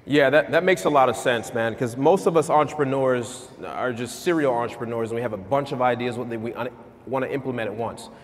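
A man in his thirties giving an energetic motivational keynote on stage in a large conference hall, asking the crowd questions. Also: mid-range voice, brisk, a little hiss or hum. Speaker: keynote speaker. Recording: long hall reverb.

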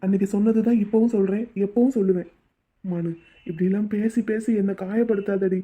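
A woman voicing a devoted rich young man in a cartoon drama, husky and pleading. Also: medium pitch, fairly even intonation, fairly quick, warm tone, close to an everyday voice. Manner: pleading, tender. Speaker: voice actor. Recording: tinny phone-like audio.

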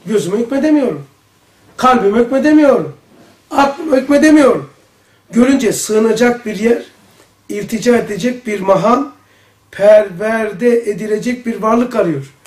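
A man teaching a religious study circle, talking in an animated way with exclamations and rhetorical questions. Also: sits high. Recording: echoey room, voice from a distance.

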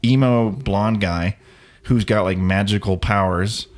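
A man's voice: fairly low pitch, steady tone, measured pace. A young man hosting a casual geek talk show, joking, swearing and enthusiastic. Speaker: podcast host. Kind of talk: casual live-stream chat.

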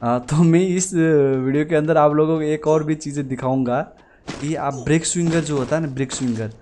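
A young man talks his viewers through live gameplay in a chatty, excitable voice that sits a little high. He keeps up a constant stream of joking commentary. A faint hiss of noise runs underneath. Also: a little fast. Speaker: gaming channel host.

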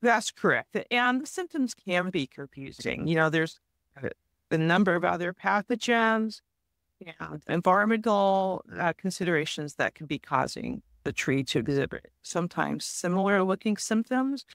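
Measured woman explaining forest health. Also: lowish voice, animated, no echo, studio quality. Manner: measured, explanatory advice-giving. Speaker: forest health guest expert. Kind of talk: podcast interview.

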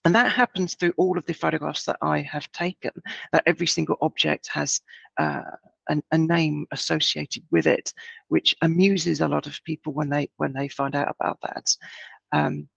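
Gravelly woman with a morning voice. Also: deep voice, fairly even intonation, fairly bright tone, no room sound, highs cut off. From United Kingdom. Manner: halting, many ums and restarts. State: gruff early-morning voice. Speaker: astrophotography presenter. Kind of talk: online presentation talk.

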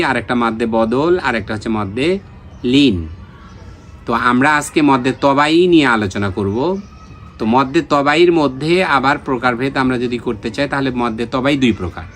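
A man's voice: mid-range voice, a bit bright, slight background noise. A man teaching Quran recitation online, patiently repeating letter names and drilling pronunciation. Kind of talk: online Quran reading lesson.

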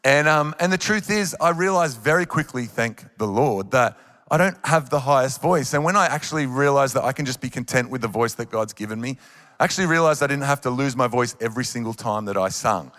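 On stage in a large church auditorium, an Australian man in his thirties, a worship leader, preaches a sermon into a handheld mic in an earnest, encouraging way. His medium-pitched voice is brisk, a bit bright and lively in intonation. Live hall reverb fills the recording.

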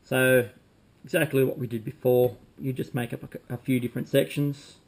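A man, calmly demonstrating fly tying at a desk at home, talking while he works with frequent ums. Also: medium pitch, normal speed. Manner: relaxed, talks while working, frequent ums. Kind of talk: casual demonstration. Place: home room with bookshelves, indoors.

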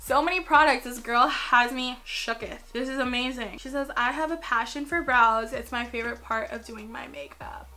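A young woman talking at home in a chatty, excitable way, unboxing a beauty haul with slangy, self-mocking asides. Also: a little high. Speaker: beauty vlogger. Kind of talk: casual haul vlog. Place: her home.

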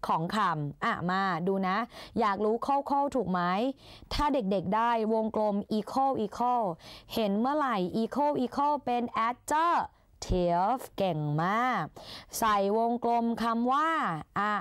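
A woman's voice: a little high, animated, slow pace, clean tone, no room sound, studio quality. A young woman tutoring exam English in a chatty, playful way, casting herself as an older sister who coaxes her students along. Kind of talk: Thai exam-prep lesson.

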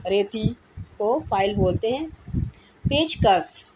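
A woman's voice: mid-range voice, lively intonation, takes it slowly. A woman giving a vocabulary lesson, patiently repeating each word as she explains it. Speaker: teacher. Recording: noisy home recording.

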